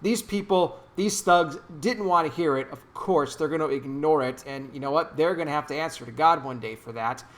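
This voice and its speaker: A man's voice: a little high, moderate pace, hardly any pauses, a bit bright. A man giving opinionated vlog commentary in an emphatic, indignant, preachy way, repeating phrases for emphasis. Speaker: YouTube commentator.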